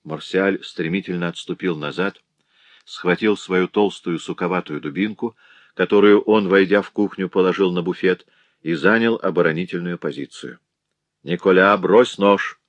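A man reading a novel aloud in a dramatic, animated audiobook narration. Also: low voice, normal speed, dry recording. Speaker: audiobook reader.

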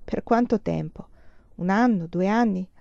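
A woman's voice: mid-range voice, unhurried, creaky, dark tone, no room sound. A woman reader voicing a dreamy, pensive young woman student in an audiobook, on a slightly dull lo-fi recording. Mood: wistful. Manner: pensive, yearning.

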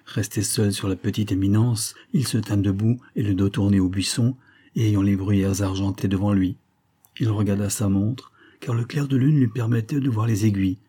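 A man reading a novel aloud as an audiobook narrator, in a steady, dramatic delivery. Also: fairly low pitch, moderate pace, slightly rough. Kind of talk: scripted narration.

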